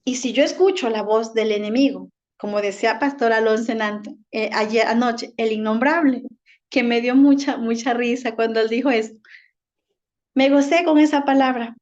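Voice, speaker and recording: A woman's voice: a little high, steady tone, normal speed, darkish tone. A woman minister with an Ecuadorian accent, preaching a sermon and asking rhetorical questions. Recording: dull lo-fi recording.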